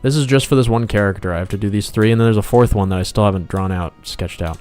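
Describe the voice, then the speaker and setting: A game developer and artist draws during a relaxed livestream, speaking fast in a fairly low, dark, clean-toned voice. He rambles to his audience and murmurs side comments to himself while background music plays.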